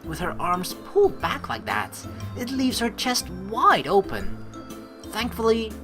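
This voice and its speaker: Over music, a let's player with a voice on the high side reads visual novel text aloud and commentates with a teasing, playful manner. Her pitch swoops wildly and she talks a little slowly.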